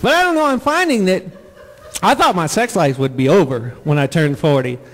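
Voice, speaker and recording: A man in his forties doing live stand-up comedy before an audience, playful with drawn-out punchlines. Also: sits high, expressive, a bit bright, long reverb tail, a little hiss or hum, low-quality recording. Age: 40s. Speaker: comedian and singer.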